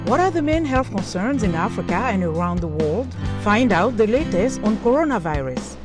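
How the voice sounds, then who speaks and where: A woman's voice: medium pitch, very animated, moderate pace. A woman host reading a scripted promo for her health show in an upbeat announcing manner. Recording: voice-over over loud guitar music.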